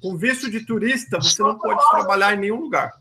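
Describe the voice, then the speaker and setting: A man's voice: high-pitched, fast talker, heavy background noise. A man with a Brazilian Portuguese accent hosting a live call-in show, joking and teasing callers informally. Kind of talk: casual live call-in chat. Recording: call audio from phone.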